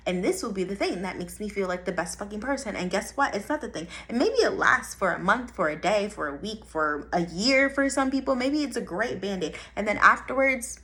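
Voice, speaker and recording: A young woman talks straight to the camera in a casual motivational monologue. She is blunt and profane and hammers her points home by repeating them. Her voice swings between quiet asides and loud bursts. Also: mid-range voice. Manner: blunt and profane, with emphatic repetition. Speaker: vlogger.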